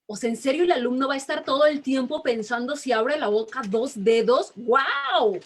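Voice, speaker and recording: A woman voice teacher, talking emphatically in a relaxed interview and laughing often. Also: high voice, a little fast. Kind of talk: casual video-call interview.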